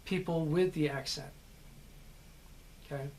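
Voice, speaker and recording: A man's voice: a little high, fairly even intonation, a little slow, darkish tone. Earnest man explaining acting craft. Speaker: actor. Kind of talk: instructional talk on acting.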